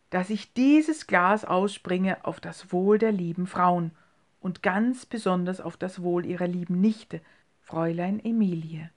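A woman giving voice to a pompous middle-aged suitor who speaks in drawn-out, solemn phrases. He declaims his lines slowly and grandly, like a storybook gentleman proposing at a dinner table. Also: fairly low pitch, lightly acted. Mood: flattering.

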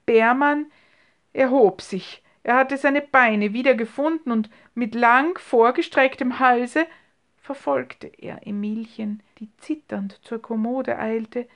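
A woman narrating a story in a measured reading voice, hushed at times. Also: a little high. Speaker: audiobook narrator. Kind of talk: scripted narration.

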